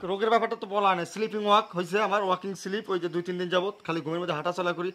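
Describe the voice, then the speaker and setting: A man's voice: sits high, steady tone, racing, a bit bright. An actor playing a cheeky son-in-law who pranks his in-laws, in sprinkled with English words, in a comic TV drama. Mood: innocent.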